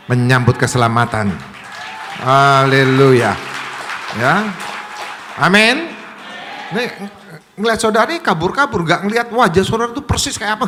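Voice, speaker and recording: A man delivering a sermon in a lofty, bright voice that rings with intensity. He urges the congregation on with calls for amens and applause. The sound hangs in the long reverb of a large church hall. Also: high voice, slight background noise. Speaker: preacher.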